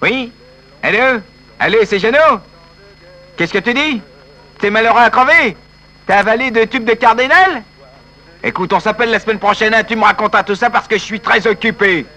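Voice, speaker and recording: A man's voice: high-pitched, takes it slowly, gravelly, sharp tone, heavily acted, rough recording. A man voicing a tactless fellow who mocks and fusses over a weeping friend in a comic sketch. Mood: hurried. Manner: bossy, mocking, fussing.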